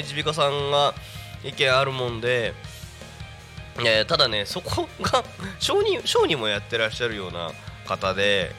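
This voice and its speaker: A man's voice: mid-range voice, bright, forceful tone. A man hosting a casual live local radio show, chatty and rambling, laughing often, with a stuffy nose and throat. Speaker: radio personality.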